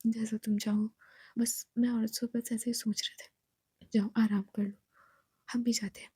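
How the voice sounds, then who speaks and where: A storyteller putting on a calm older sister who speaks in a soft, soothing way in an audio love story. The tone is mellow and dark, in a dry, close sound. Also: female voice, a little high, normal speed, breathy edge, dry recording, pitched below the performer's own voice.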